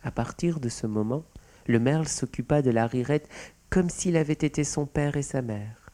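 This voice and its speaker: A man narrating a children's storybook with a lively, expressive reading. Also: mid-range voice, moderate pace.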